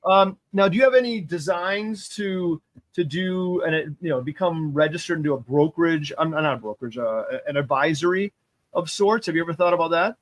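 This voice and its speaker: An enthusiastic man hosts with a somewhat high voice, recorded close and dry with no room sound. He keeps affirming his guest and repeats his praise. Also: brisk, no room sound. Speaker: host. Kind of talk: casual interview chat.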